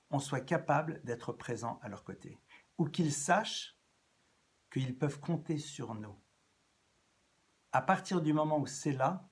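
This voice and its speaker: A man giving an evening lecture as a rabbi, animated, swinging between loud rises and soft drops and repeating phrases as he thinks. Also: mid-range voice, gravelly. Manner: repeats and restarts phrases as he talks.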